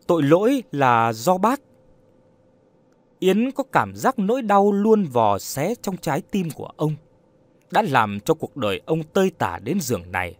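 Lively male storyteller. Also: fairly high pitch, dry recording. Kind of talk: scripted story narration.

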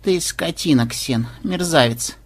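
A man's voice: a little high, unhurried, husky. Furious, queasy woman, voiced by a man, scolding. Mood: indignant. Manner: scolding, indignant.

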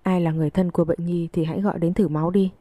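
A woman reading the lines of a serious, tired male hospital doctor who speaks slowly and measuredly. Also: lowish voice, steady tone, mellow, dry recording, natural voice. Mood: grave. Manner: slow, measured delivery of bad news.

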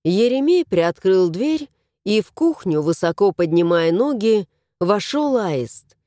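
Woman narrating a fairy tale, lively. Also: mid-range voice, slow, dry recording, studio quality. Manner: lively expressive storytelling.

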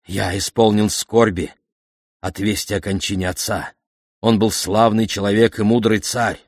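Guy voicing a proud king, kinda vain, regal declaiming, husky tone. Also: fairly low pitch, little pitch movement, moderate pace, no room sound, studio quality, natural voice. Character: proud middle-aged king, courteous but vain.

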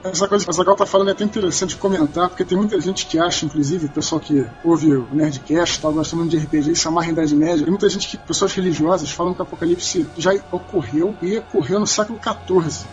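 A man's voice: a little high, fairly even intonation, lo-fi sound, soft background music. A man, an author guest on a podcast, explaining things in casual chat and tagging his points with questions. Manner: explanatory, rapid, many tag questions.

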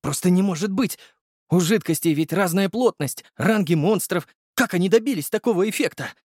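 A man's voice: high voice, moderate pace, darkish tone, no room sound, clean studio sound, voice pushed up. A man voicing an absorbed young male potion maker explaining his findings. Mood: thoughtful. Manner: musing, expert explaining.

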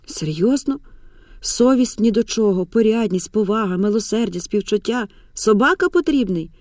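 A reader voicing a distraught, exhausted young woman in an audiobook, speaking in a hushed voice. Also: mid-range voice, animated, normal speed, no room sound, studio quality, natural voice. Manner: hushed, breaking into desperate outbursts.

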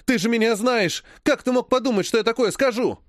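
A spoiled, whining young heir, as a male narrator voices him, pitched well up and loud, protesting at every turn. The audiobook recording is dry and close. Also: brisk, no echo, lightly acted.

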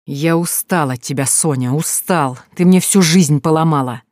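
A narrator doing a venomous, raging ex-husband. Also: male voice, on the high side, moderate pace, no room sound, clean studio sound, natural voice. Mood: venomous rage. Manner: shouting, venomous, contemptuous. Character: furious abusive ex-husband, grown man.

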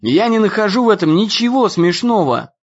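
A man voicing a whiny, indignant fourteen-year-old boy who shouts complaints and threats in an audiobook. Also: sits high, big pitch swings, moderate pace, dull audio, voice pushed up, full character voice. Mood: indignant whining.

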